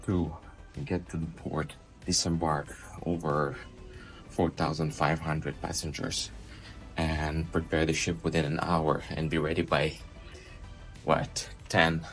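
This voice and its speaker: A man's voice: extremely low pitch, a bit bright. A man chatting casually as he vlogs his working day as an assistant cruise director. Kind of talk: casual vlog chat.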